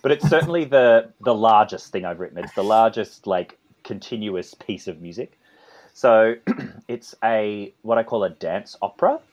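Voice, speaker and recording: Australian guy, low voice, talks in loops with lots of restarts, kinda dull lo-fi audio. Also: animated, normal speed. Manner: rambling, many restarts and asides. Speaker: composer and conductor guest. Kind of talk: conversational interview.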